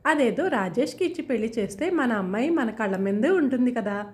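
A woman voicing a gentle middle-aged village father who pleads earnestly and hesitantly. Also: a little high, expressive, brisk, close to an everyday voice. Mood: pleading.

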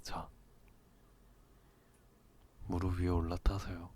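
A man acting a low, soft-spoken dominant lover, ASMR role-play. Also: flat delivery. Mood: coaxing, dominant. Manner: slow murmuring, coaxing and commanding, often soft-spoken. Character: teasing, dominant, possessive male lover.

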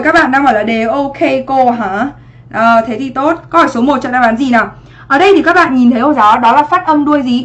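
High-voiced woman teaching a livestream lesson. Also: a bit bright. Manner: chatty, checks in often with "đúng không ạ". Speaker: English teacher. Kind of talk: livestream exam review lesson.

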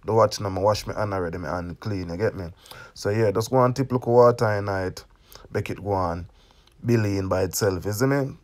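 A man's voice: on the low side, fairly quick. A young man with a Jamaican accent demonstrating a recipe in his home kitchen, talking casually and often checking in with "you get me?". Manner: chatty, keeps asking "you get me?". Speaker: cooking channel host.

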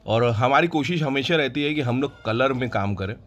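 A man who owns a goat farm walks viewers through his new stock in an unhurried, casual way with many hesitations, recorded on a handheld phone outdoors in the farm yard. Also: mid-range voice. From India. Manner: relaxed, unhurried, with frequent hesitations. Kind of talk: casual promotional farm tour.

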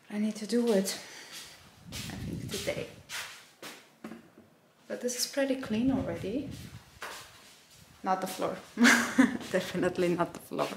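The background is noisy as the mid-twenties Armenian vlogger tidies her small apartment and chats casually to the camera, a bit nervous and reflective. Her voice is mid-range. The camera rests on a stand some distance from her.

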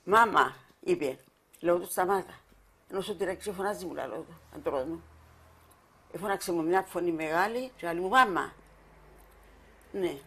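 Μια ηλικιωμένη γυναίκα με κυπριακή προφορά δίνει μαρτυρία σε συνέντευξη ντοκιμαντέρ, μιλώντας διστακτικά και επαναλαμβάνοντας λέξεις. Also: female voice, lowish voice, breathy edge. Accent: Cypriot Greek. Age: older. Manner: halting, repeats words while recalling. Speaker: mother of the fallen soldier. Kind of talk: documentary interview testimony.

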